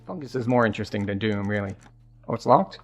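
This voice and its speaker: A man's voice: on the low side, lively intonation, fast. A man giving casual live commentary as he streams a video game, talking through his play. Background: faint game music.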